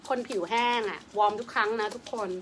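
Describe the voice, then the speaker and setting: A woman's voice: mid-range voice, fast talker, a bit bright, slight background noise. A woman yoga teacher leading a casual live-streamed face massage lesson, chatting informally and counting the repetitions aloud. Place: on a bed at home, seated. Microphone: webcam or phone on a live stream.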